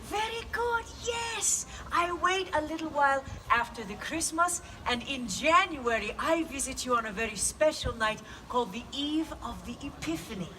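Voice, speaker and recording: A woman's voice: high-pitched, lively intonation, moderate pace, few pauses, recorded from a distance, noisy background. A woman playing a kindly old Italian witch who brings gifts, with an Italian accent, telling a story to children and coaxing answers from them. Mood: storytelling. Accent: Italian (put on). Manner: theatrical, coaxing, asks the audience questions. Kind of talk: live in-character storytelling.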